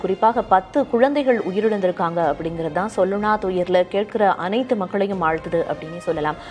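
A woman presenting live news as an anchor, speaking formally and putting questions to a reporter. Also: medium pitch. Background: loud music.

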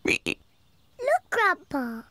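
A woman's voice: drawn-out words, bright, forceful tone, no echo. A woman voicing a cheerful little girl piglet in a cartoon, bubbly and giggly, a little bossy. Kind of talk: cartoon voice acting.

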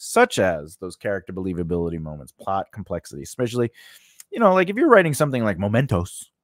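A fast-talking middle-aged man hosts a screenwriting lesson channel, his low-leaning voice swinging widely in pitch as he teaches emphatically and conversationally to camera. A close studio condenser mic on a stand picks him up in a small home studio with a cloth backdrop, with no room sound.

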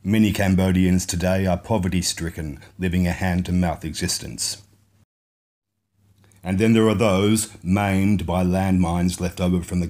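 A man's voice: deep voice, darkish tone. An older man hosting a casual travel vlog, chatting wryly with passengers and narrating in a reflective tone. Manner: chatty, wry interviewer. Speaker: vlogger host. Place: tuk-tuk and outdoor temple grounds. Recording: outdoor recording with clear street noise.

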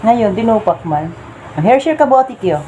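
A woman's voice: a little high, expressive, normal speed, warm tone, slight background noise. A young Filipino woman with a Filipino accent, casually vlogging at home, switching between playful baby talk to her son and chatty asides to viewers, often laughing. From Philippines. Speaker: vlogger and mother. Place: home living room.

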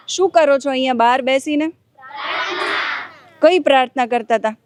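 High-voiced woman reporter, playful questions. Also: a little hiss or hum. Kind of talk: on-location interview with schoolchildren. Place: outside at a girls' school.

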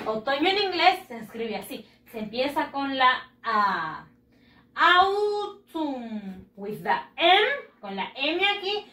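A woman teaching children English, stretching her words slowly for them to repeat. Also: high-pitched, fairly bright tone, roomy sound, recorded from a distance. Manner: switches between English and Spanish. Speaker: primary school English teacher. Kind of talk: bilingual classroom lesson.

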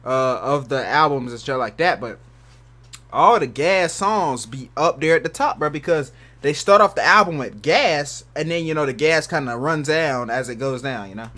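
A man's voice: on the high side, expressive, moderate pace, sharp tone. A man casually commentating for his viewers in a slangy, rambling way. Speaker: reaction video host.

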